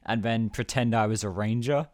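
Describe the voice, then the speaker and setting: Young man, halting and a bit low. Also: a loud crowd. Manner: halting, filler-heavy storytelling. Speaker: podcast co-host. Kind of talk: casual chat.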